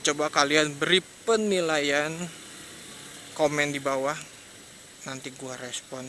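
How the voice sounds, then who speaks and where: A young man with a Jakarta accent talks in a slangy, hesitant ramble, laughing now and then as he rides. His voice sits a bit high and sounds bright and tense. A faint hum of traffic and engine runs under his talk. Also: measured pace. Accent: Jakarta Indonesian. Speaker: motovlogger. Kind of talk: casual rambling chat while riding. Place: riding a motorbike at night on city streets. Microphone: external mic on a helmet action cam. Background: traffic and engine noise.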